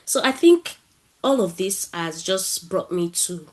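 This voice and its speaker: At an online tech event over a video call, a Nigerian-accented woman with a cold gives a casual, chatty talk and poses questions to the audience. Her mid-range voice is a little mellow and very animated, and she speaks slowly.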